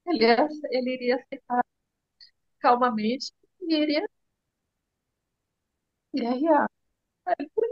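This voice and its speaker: A middle-aged Brazilian woman with a fairly high voice recounts her son's illness, soft and halting, often pausing to restart. The recording is dry and close, with slightly dull sound. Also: no room sound. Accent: Brazilian Portuguese. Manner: tender, halting, with many restarts and "né?". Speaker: mother telling her son's story. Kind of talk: emotional personal storytelling.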